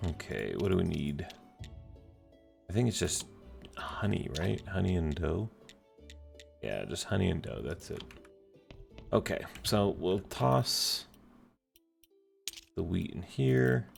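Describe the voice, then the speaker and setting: A man's voice: low voice, big pitch swings, slow, vocal fry, pauses often, faint music behind. A man casually commenting on his own gameplay, muttering and humming to himself as he plays. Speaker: video game player. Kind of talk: let's play commentary.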